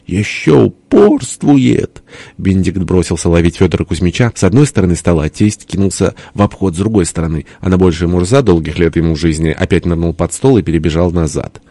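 A man with a very low, dark voice narrates a literary audiobook in a measured, expressive reading. The sound is dry and close. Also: dry recording.

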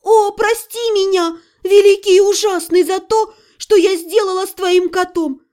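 A woman voicing a frightened young female mage who squeaks and babbles in fear. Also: steady tone, moderate pace, warm tone. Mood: flustered. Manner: squeaky, bleating, flustered.

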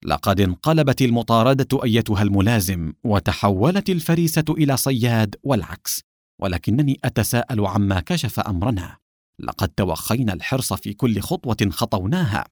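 A man voicing a calm, sarcastic male secret agent in an audiobook. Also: fairly low pitch, a little fast, dry recording, clean studio sound.

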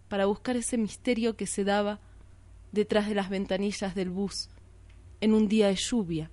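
A woman hosting a radio art show, reading a literary text slowly and reflectively, asking and answering her own questions. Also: medium pitch, mellow, dry recording.

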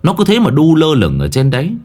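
A man's voice: fairly high pitch, huge pitch swings, brisk, darkish tone. A man narrating a horror story with dramatic, suspenseful delivery.

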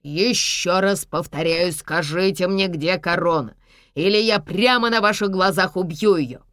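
A woman's voice: fairly low pitch, measured pace, a bit bright, no room sound, studio quality, voice pushed down. A woman voicing a ruthless older man who threatens and barks orders in a mocking tone. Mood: menacing. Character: ruthless older man, menacing villain with a revolver.

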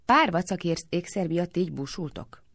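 A sly young cowherd boy teases his friends with mock innocence in a read-aloud storybook, as a woman reader puts him on. The voice is low and gravelly and sits close and dry. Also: expressive, fairly bright tone, no room sound, exaggerated voice. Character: clever playful young cowherd boy Krishna.

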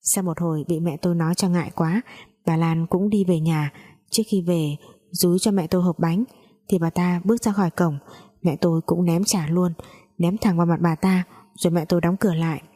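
Warm low-voiced woman narrating a story. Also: fairly even intonation, a little fast.

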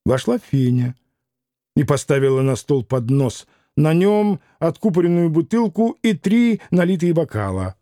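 A man narrating an audiobook in a measured, even reading voice. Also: fairly high pitch, no room sound, studio quality. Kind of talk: scripted narration.

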